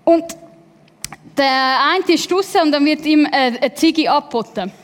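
A woman's voice: high-pitched, measured pace. A woman preaching a sermon, driving points home with repeated phrases and rhetorical questions. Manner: emphatic repetition and rhetorical questions. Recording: long hall reverb.

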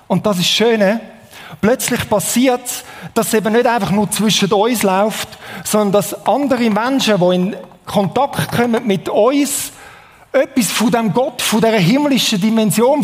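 A man with a high voice and a Swiss German accent delivers a sermon. He talks in a relaxed, conversational way and keeps asking his listeners questions. His voice carries a long reverb from a large hall. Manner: conversational, asks the audience questions. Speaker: preacher.

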